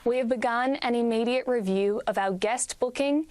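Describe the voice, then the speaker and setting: TV host woman with a slightly high voice. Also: moderate pace, a little mellow. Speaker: TV show host. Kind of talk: live TV presenting and a read-out apology.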